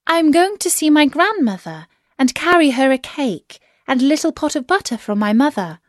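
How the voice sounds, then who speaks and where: An innocent, trusting little girl from a storybook, played by a woman. The voice is raised and sing-song, with wide swings of pitch and earnest, wide-eyed phrasing. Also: big pitch swings, moderate pace, no room sound, studio quality. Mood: cheerful, trusting.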